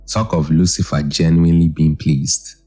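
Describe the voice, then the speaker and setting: A man with an extremely deep voice gives an earnest, measured commentary. His tone is dark and husky, with faint music underneath. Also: little pitch movement. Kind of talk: scripted commentary narration.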